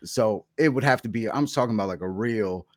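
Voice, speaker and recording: Young man with a lowish easygoing voice. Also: a little fast, no room sound, clean studio sound. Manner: easygoing, laughs often, lots of you know and like. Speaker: podcast co-host. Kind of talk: casual chat.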